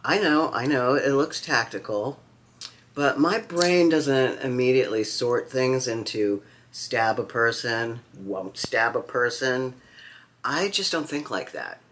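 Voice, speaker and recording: A man's voice: mid-range voice, slow, a bit bright, slight background noise. A man reviewing knives at home in a casual vlog, wry and campy with chatty asides. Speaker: knife reviewer.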